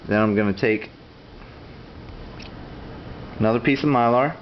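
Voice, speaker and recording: Speaking fast at a medium pitch, a male instructor gives a casual, hands-on tutorial on tuning a duck call. His manner is plainspoken and matter-of-fact. The recording sounds dull and lo-fi, with clear background noise.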